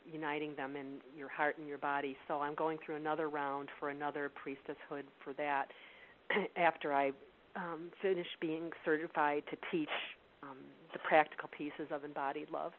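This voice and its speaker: Low-voiced woman on a phone line. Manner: measured, with filler ums. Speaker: author and guest. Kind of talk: interview and reading from her novel. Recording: tinny phone line with hiss.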